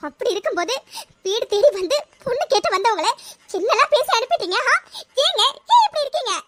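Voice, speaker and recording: A woman's voice: extremely high pitch, big pitch swings, fast, background noise. A woman voicing a caring mother in a cartoon, who both scolds her husband and comforts her daughter. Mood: exasperated. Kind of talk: cartoon voice acting.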